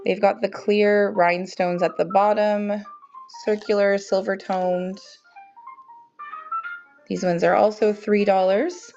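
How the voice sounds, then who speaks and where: In a slow, level, slightly mellow voice of medium pitch, broken by long pauses, a young woman hosts a live-stream auction. Worn out by a cold, she chats easily and greets viewers by name. The audio is dull and lo-fi, with faint background music.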